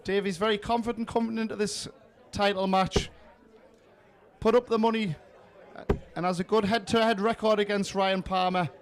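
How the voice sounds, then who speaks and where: A male sports commentator covering a darts match live. His voice is high for a man, and he speaks in punchy, admiring phrases. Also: fairly even intonation, normal speed.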